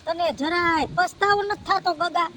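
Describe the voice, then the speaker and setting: Nagging old village auntie, super high and piercing, bit of noise behind. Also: male voice, steady tone, normal speed, sharp tone. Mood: scolding. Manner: scolding, preachy advice. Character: scolding old village aunt, sharp-tongued. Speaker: comic actor.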